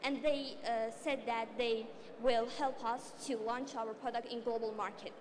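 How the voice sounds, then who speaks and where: A woman with an Azerbaijani accent answering questions about her startup pitch, in halting, repetitive, non-fluent English. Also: fairly even intonation, crowd noise. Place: large event hall. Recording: reverberant hall, faint background noise.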